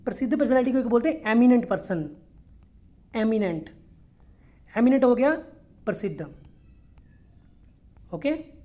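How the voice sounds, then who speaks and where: A woman's voice: on the high side, lively intonation, measured pace, pauses often, dark tone. A woman teaching English vocabulary for a test, explaining words in Hindi mixed with English, repeating each one for pronunciation and checking in with "okay?". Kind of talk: vocabulary lesson for test prep.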